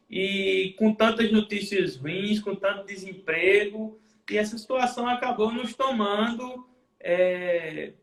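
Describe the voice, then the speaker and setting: A man's voice: high voice, fairly bright tone. A man hosting a podcast interview, chiming in with comments and wrapping up the talk. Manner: adds interjections, wraps up the talk. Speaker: podcast host. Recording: roomy echo.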